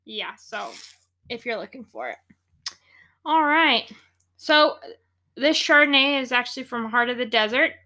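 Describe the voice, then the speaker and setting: Brief: American woman, podcast co-host, bright and high, casual and chatty. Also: a little slow, pauses often. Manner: chatty, laughs easily, reads aloud. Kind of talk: casual chat.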